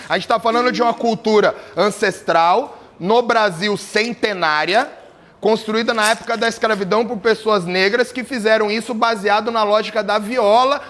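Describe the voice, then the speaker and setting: In a fairly bright, high-pitched voice, a man teaches a capoeira workshop to a group with berimbaus. He explains tuning, asking questions and joking along the way.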